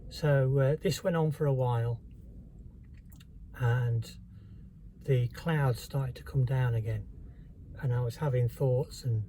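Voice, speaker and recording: A man telling a personal story to camera in a halting, candid, reflective way. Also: medium pitch, fairly even intonation, warm tone, a little hiss or hum, rough recording. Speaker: vlogger.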